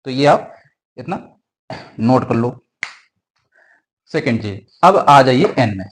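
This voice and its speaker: Lively man teaching grammar. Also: medium pitch, slow, a little hiss or hum, poor audio. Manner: asks questions and answers them himself, repeats key rules; mixes Hindi with English grammar terms. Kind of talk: classroom grammar lesson.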